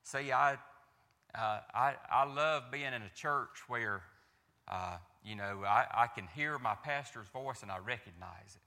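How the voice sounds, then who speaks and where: Southern guy giving his testimony, gravelly, kinda bright and pushy, restarts a lot, echoey hall sound. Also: medium pitch, unhurried. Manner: earnest, repetitive, with frequent restarts and rhetorical questions.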